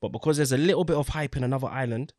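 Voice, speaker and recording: A man's voice: mid-range voice, racing, darkish tone, dry recording, clean studio sound. A man with a London roadman accent and slang, arguing his point emphatically as an artist in a group discussion. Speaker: music artist.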